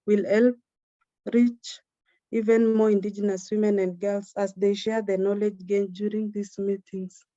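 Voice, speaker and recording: A woman presenting a prepared plan in a steady, formal, list-like reading. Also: mid-range voice, dry recording, lo-fi sound.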